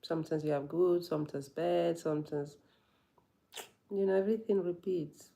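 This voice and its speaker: A woman yoga teacher in a casual live vlog, talking reflectively in a thoughtful, halting way as she searches for words. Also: lowish voice, steady tone, creaky, mellow.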